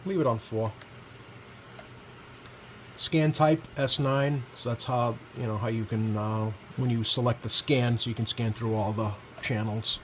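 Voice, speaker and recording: A male product reviewer with a mid-pitched voice gives a casual hands-on demo, sounding informal and hesitant as he thinks aloud while working the controls. A clear, steady light background noise runs throughout.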